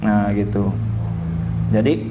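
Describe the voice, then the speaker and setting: A man's voice: on the low side, slow pace, background noise. A man from Indonesia preaching a sermon, telling a story and acting out its characters, then reading Arabic text and translating it. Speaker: Islamic preacher.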